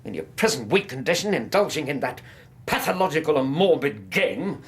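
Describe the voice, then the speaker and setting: An actor playing a loyal, concerned English gentleman doctor in a radio drama, speaking in an earnest, formal manner. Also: fairly high pitch, very animated, moderate pace, husky, full character voice. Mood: worried, reproving.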